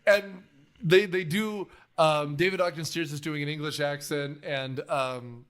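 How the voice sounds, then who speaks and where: A man's voice: on the high side, fairly even intonation, unhurried, a bit bright. A middle-aged man hosting a casual movie podcast, rambling through tangents with lots of fillers and swearing. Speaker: podcast host. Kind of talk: casual movie-review chat.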